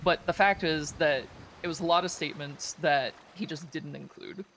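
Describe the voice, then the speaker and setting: A man with a fairly high, bright, forceful voice, speaking in character as an officer in a roleplay. He talks in a measured, hedging way, full of fillers. Faint traffic sounds sit in the background. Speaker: law enforcement officer in a roleplay.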